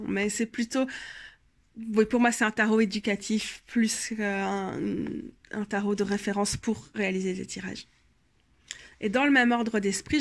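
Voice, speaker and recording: A young woman with a Belgian French accent, tired, chatting casually in a rambling show-and-tell about her tarot decks, full of fillers and self-corrections. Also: medium pitch. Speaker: tarot vlogger.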